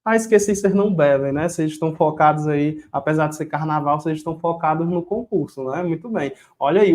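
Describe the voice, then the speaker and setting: A man's voice: on the high side, a little mellow. A man teaching an online exam-prep grammar lesson, quizzing the viewers and drilling rules with repetition and a rhyme.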